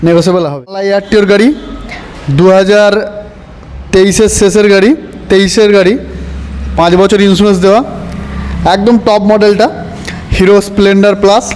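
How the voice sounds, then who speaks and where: A high-pitched man with a West Bengal Bengali accent delivers an off-the-cuff showroom sales pitch. He talks quickly in insistent, repetitive salesman's patter, always pushing a bargain, with some noise behind him. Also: flat delivery, a little mellow, low-quality recording. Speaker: used motorbike dealer presenting his stock.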